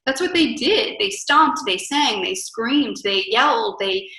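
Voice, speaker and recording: A woman's voice: a little high, animated, measured pace, bright, forceful tone, echoey room, poor audio. A young adult woman, a wellness coach, talking earnestly and emphatically in a casual interview, often in lists. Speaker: wellness coach, podcast guest.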